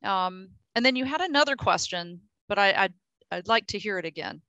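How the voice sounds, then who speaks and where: A woman's voice: mid-range voice, lively intonation, fairly quick, bright, forceful tone, no echo, dull audio. A woman explaining technical points on a video call, thinking aloud with frequent restarts and fillers. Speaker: project engineer in a technical meeting. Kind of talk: casual technical discussion.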